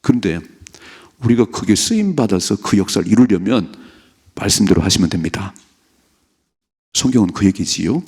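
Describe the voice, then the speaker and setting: A middle-aged man preaching a dawn prayer sermon, his low voice gravelly and husky. He swings through a wide pitch range as he acts out the people in his stories. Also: normal speed, long pauses. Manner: animated storytelling, acting out characters' lines. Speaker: pastor. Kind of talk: early-morning prayer sermon.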